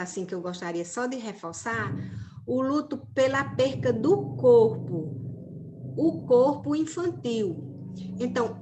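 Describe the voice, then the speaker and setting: A woman's voice: a little high, a little mellow. A woman teacher giving an online religion class to teenagers, talking in a conversational way and often checking in with her students.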